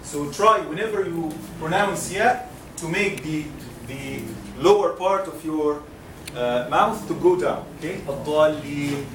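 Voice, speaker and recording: In a lecture classroom, an Egyptian man with a slightly high voice teaches Quran recitation at an unhurried pace. He patiently models each sound and has the students repeat it back in call-and-response drills. The mic sits far off in the roomy, noisy space.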